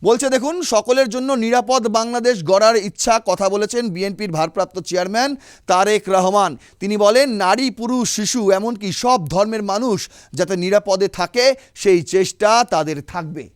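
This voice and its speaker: A man's voice: sits high, moderate pace, clean tone. A man giving emphatic political commentary, full of rhetorical questions and sarcasm.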